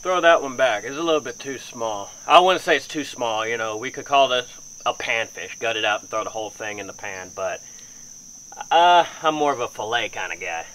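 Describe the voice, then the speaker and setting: A young man with a medium-pitched, expressive, fairly bright voice talks casually to camera at a normal speed, using folksy, informal phrasing. He's an outdoor fishing vlogger recording from a small boat on a river, picked up by a camera mic at close to mid distance. The audio is poor, with faint outdoor ambient noise and insects.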